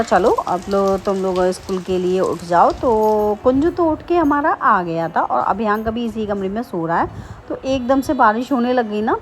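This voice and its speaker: A woman in her thirties talks through her day at home in a casual vlog, rambling and restarting her sentences. Her voice sits at a middling pitch. A faint hiss of noise runs under the recording. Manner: rambling, chatty, many fillers and restarts. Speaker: vlogger, homemaker. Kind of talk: casual daily vlog chat. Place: home during heavy rain. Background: faint rain and ambience.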